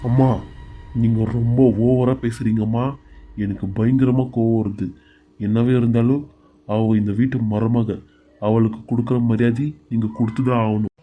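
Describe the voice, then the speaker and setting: A man's voice: mid-range voice, level tone, normal speed, lo-fi sound, soft background music, natural voice. A man voicing an indignant young husband who stands up to his mother in a cartoon serial.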